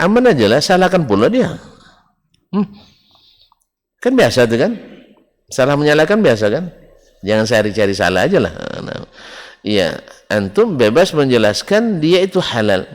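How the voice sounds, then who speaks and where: A man preaching a religious lecture to a congregation, often asking the audience if it is clear and chuckling along the way. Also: a little high. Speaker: Islamic preacher teaching a book study. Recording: long hall reverb.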